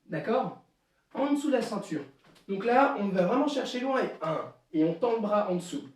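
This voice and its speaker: A karate instructor, a man, leads a live online class and barks out counts and commands between calmer explanations. His voice rings around a very echoey room, and he sits well back from the microphone. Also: high voice, normal speed, recorded from a distance. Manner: counts moves aloud with sharp shouted cues. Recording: echoey room, voice away from mic.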